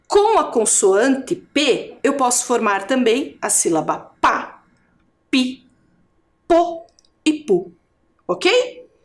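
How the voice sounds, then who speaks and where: A high-voiced woman teacher with a Brazilian Portuguese accent from Curitiba gives an adult education video lesson. She draws out syllables slowly for drilling and asks the viewer questions.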